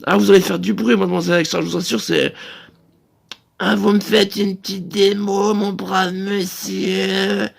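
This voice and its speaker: A man's voice: high voice, flat delivery, normal speed, creaky, husky. A man performing a comic phone-sketch monologue as a sex-shop receptionist, rambling through crude sales patter full of hesitations.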